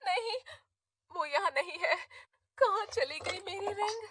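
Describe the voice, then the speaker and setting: A woman's voice: very high-pitched, a little slow, background noise. A woman voicing a lazy, easily crying schoolboy in a cartoon dub, whining and wailing dramatically. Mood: whiny. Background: background music.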